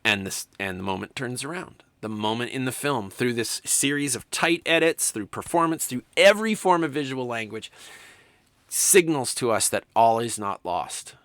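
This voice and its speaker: Animated, emphatic male film lecturer. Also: medium pitch, normal speed, no echo. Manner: animated, emphatic, swings from quiet to loud excitement; enthusiastic, talks to students directly. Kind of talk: recorded lecture.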